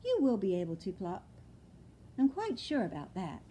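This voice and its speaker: A woman's voice: medium pitch, wildly swooping pitch, normal speed, a little hiss or hum. A woman doing a firm, motherly owl. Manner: gentle but firm, motherly. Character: calm, kindly mother barn owl.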